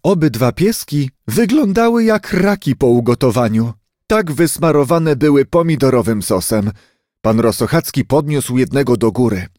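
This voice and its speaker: A man reading a children's storybook aloud, expressive and unhurried. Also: medium pitch, no room sound, studio quality. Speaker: narrator.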